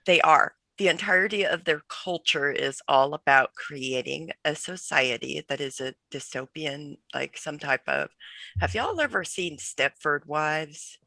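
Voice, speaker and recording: A woman guest trades quick jokes in a casual podcast chat. Her voice is bright and lively, swinging widely in pitch, and the sound is dry and close. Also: dry recording. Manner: joking, quick-witted.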